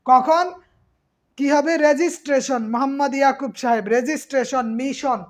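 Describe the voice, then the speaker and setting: A woman's voice: high voice, steady tone, moderate pace. A woman teacher giving an exam-prep class, patiently repeating terms and quizzing her students.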